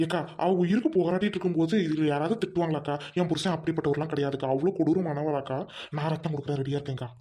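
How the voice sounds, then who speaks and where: A woman voicing a steady female friend in a cartoon, brisk and reassuring. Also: sits low, lightly acted. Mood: indignant. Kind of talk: cartoon voice acting.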